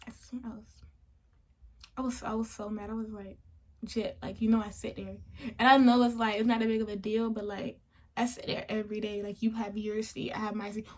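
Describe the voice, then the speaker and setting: A young woman vlogger telling a story in a casual, chatty and indignant way, with lots of "like". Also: on the high side. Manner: chatty and indignant, heavy use of "like".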